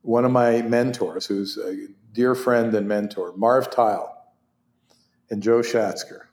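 An interview guest in his sixties, an orthopedic surgeon whose first language is Hebrew, tells conversational stories in a lowish, unhurried voice. The audio is reverberant, and his delivery is animated, full of laughs and frequent restarts.

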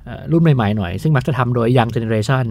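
A man's voice: mid-range voice, fairly quick, a little mellow, no echo. A man hosting a podcast, casually posing probing questions to his guests. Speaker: podcast host. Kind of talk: casual discussion.

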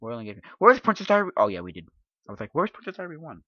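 A man hosting a podcast in casual chat, rambling and halting as he thinks aloud. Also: a little high, sing-song, no echo. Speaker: podcast host. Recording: dull lo-fi dry sound.

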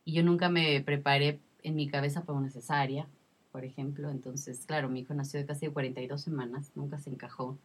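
A woman's voice: low voice, steady tone, fairly quick, a little hiss or hum. A woman in her thirties in a casual conversation, telling a personal story with emotion and a lot of repetition. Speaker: guest sharing her experience.

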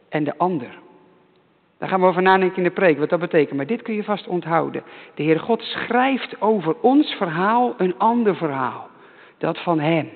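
A male pastor giving a lively children's sermon, repeating himself to keep the children's attention. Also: high-pitched, long reverb tail, narrow, tinny audio. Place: church.

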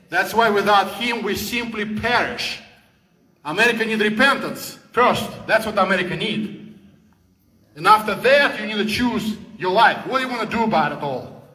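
A man's voice: high voice, bright, forceful tone. Fervent Russian-accented man in echoing hall. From Soviet Union. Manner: fervent, preaching, repeats phrases for emphasis. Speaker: guest speaker. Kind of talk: impassioned speech to a live audience. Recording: echoey hall with long reverb.

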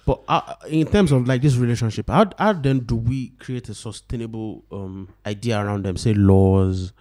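A man's voice: mid-range voice, normal speed, a little mellow. A man with a Nigerian accent hosting a casual talk-show discussion, asking probing questions and thinking aloud. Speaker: host.

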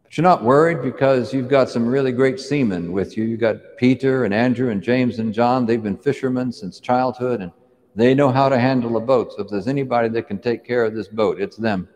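A man's voice: mid-range voice, fairly quick, darkish tone, long reverb tail. A man preaching, retelling a scripture story vividly in the second person and drawing the listener into the scene. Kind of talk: dramatic sermon storytelling.

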